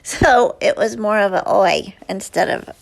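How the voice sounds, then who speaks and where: A woman's voice: medium pitch, fairly even intonation, normal speed, creaky. A woman being interviewed as an actress guest, telling stories in a rambling way with many fillers and restarts. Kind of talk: interview answers, storytelling.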